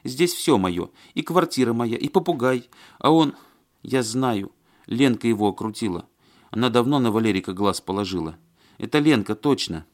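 In an audiobook, a man pushes his mid-range, expressive voice upward, though it stays close to his everyday sound, to play a fussy, flustered woman. At a normal pace, she chatters and complains plaintively and with agitation.

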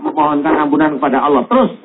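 A man, an Islamic preacher, giving gentle advice to a caller on a radio call-in, sometimes joking lightly. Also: on the high side, expressive, fast, creaky. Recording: tinny lo-fi radio broadcast.

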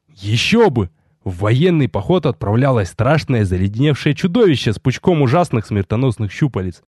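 A man narrating an audiobook in a measured, expressive way. His voice moves lively up and down in pitch and sits mid-range. The recording is dry and close. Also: slightly rough, no echo. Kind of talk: scripted first-person narration.

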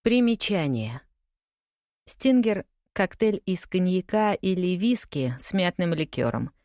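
Low-voiced woman narrating an audiobook. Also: big pitch swings, unhurried, a little mellow, no room sound, studio quality. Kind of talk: first-person audiobook narration.

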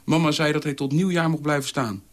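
A man's voice: a little high, fairly even intonation, fairly quick, voice pushed up, close to an everyday voice. Man voicing a whiny little boy. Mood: whining. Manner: whining, pleading. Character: small whining little boy.

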